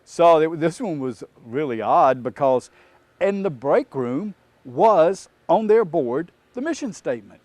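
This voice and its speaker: A man who trains auditors, telling a work anecdote in an animated, casual storytelling way. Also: on the high side, measured pace, dry recording. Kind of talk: storytelling talk.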